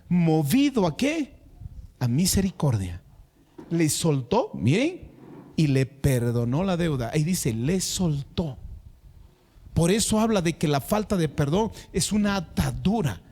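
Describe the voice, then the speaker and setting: A man's voice: fairly high pitch, sing-song, normal speed, mellow. A male pastor preaching a sermon who addresses the congregation directly and repeats words for emphasis.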